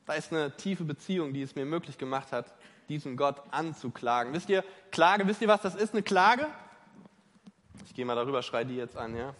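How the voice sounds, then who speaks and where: A man's voice: on the high side, expressive, normal speed, a bit bright. A man preaching a sermon, emphatic and questioning his listeners directly. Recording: long reverb of a large hall.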